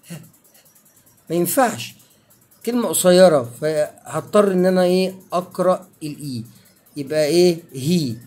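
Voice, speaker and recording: Egyptian male tutor, higher voice, online lesson, quizzing and praising students. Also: a little mellow. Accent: Egyptian Arabic. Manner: quizzes listeners with prompting questions and praise. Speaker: English teacher.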